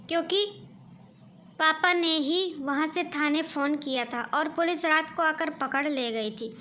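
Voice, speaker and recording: High-voiced woman telling a story. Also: slight background noise. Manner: steady, earnest storytelling. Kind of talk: scripted story narration.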